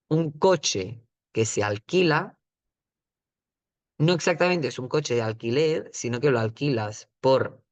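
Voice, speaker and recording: A man's voice: mid-range voice, no echo, dull audio. Man teaching patiently in a dry room. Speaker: Chinese teacher. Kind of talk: explanatory lesson.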